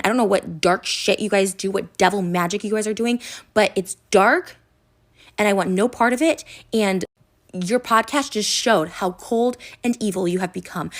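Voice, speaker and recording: A woman's voice: medium pitch, creaky. Woman, 30s, YouTuber ranting to camera; wounded, indignant, repetitive, stammering restarts. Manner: hurt, indignant, repeats phrases with stammered restarts. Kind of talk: emotional vlog rant to camera.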